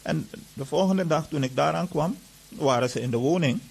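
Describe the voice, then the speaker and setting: A man's voice: fairly high pitch, moderate pace, gravelly, a little mellow, slightly rough, low-quality recording. A man giving an earnest personal testimony to an audience, retelling events with lots of reported dialogue.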